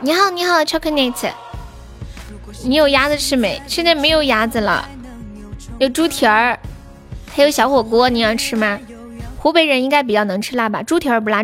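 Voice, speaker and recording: A woman's voice: high-pitched, fairly bright tone. A woman hosting a livestream, chatting casually and playfully with viewers. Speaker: livestream host. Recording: music playing behind the voice.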